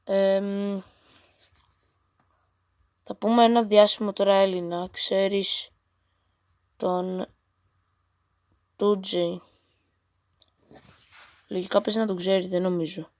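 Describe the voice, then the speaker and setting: A female gaming host chats casually as she reads a chatbot's answers aloud, playful and teasing with exasperated asides. Her voice sits at an ordinary middle pitch. The sound is dry and close, with no room around it. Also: level tone, long pauses, a little mellow, dry recording. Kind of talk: casual chat while reading out a chatbot's replies.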